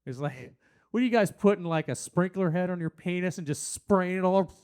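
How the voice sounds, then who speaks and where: Talking a little fast in a high, clean voice, a man works through a crude, rambling stand-up set on a small stage. He interacts with the crowd and does loud, silly voices for the quotes.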